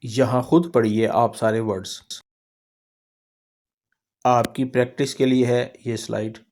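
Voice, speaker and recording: Male language teacher with Pakistani Urdu accent, slow and patient, repeats words for drilling. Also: mid-range voice, fairly even intonation, a little mellow. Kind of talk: slide-based pronunciation lesson.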